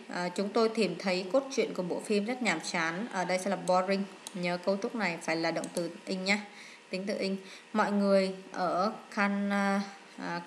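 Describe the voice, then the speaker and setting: A woman's voice: medium pitch, a little hiss or hum. Woman teacher talking through exam answers. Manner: reads English words aloud then explains in short steps; frequent hesitant fillers and self-corrections. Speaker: English teacher. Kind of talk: exam walkthrough lesson.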